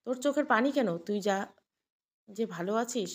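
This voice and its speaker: A woman's voice: a little high, animated, normal speed. A woman voicing an affectionate mother-in-law in an audio story, talking in a tender, motherly way.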